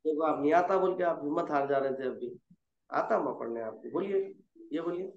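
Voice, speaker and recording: A man teaching Quran reading, patiently spelling out letters and gently correcting his student. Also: fairly high pitch, creaky. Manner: coaxing, corrects gently and repeats letters slowly. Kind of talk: patient tutoring over a call. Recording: roomy, dull lo-fi sound.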